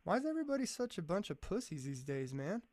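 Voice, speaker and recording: A man's voice: high-pitched, sing-song, quick pace, a little mellow, no room sound. A man as a podcast guest in casual chat, a laid-back, profane storyteller who keeps calling people "man.".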